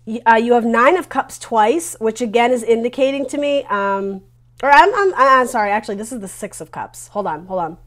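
A woman in her thirties, her voice fairly high, lively, quick and a little bright, hosts a video tarot reading from a small decorated room. She thinks aloud in a casual, reassuring way, with a lavalier mic clipped to her T-shirt.

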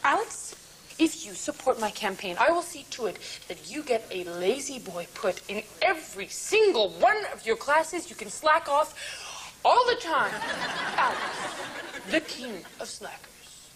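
A woman's voice: on the high side, sing-song, a little slow, crowd noise. A young woman playing a bossy, easily exasperated, competitive teenage girl in a TV sitcom, emphatic and theatrical. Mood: scheming, coaxing. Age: young adult. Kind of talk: broad teen sitcom acting. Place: studio fast-food kitchen set. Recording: noisy old TV sitcom recording.

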